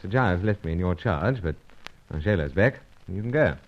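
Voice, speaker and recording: A male actor performs a 1950s radio drama as a suave, pipe-smoking British secret agent who serves as both narrator and lead. His low voice is animated and fairly quick, with a clipped upper-class British delivery muffled by puffs on his pipe. The old recording sounds dull.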